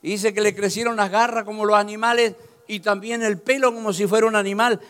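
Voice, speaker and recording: A man preaching with passion, his voice sitting very high. He drifts between calm retelling and loud, fervent bursts. The sound rings with the long reverb of a church hall. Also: a little fast, clean tone. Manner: impassioned, swings from storytelling to shouting. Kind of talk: sermon.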